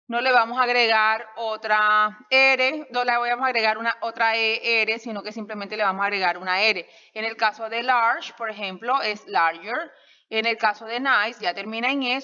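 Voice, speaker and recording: Bright-voiced woman teaching grammar with long echo. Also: fairly high pitch, clear, resonant tone, muffled recording. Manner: patient, explanatory, checks understanding with tags; self-correcting, stretches out example sentences. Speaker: English teacher. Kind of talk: recorded slideshow lesson.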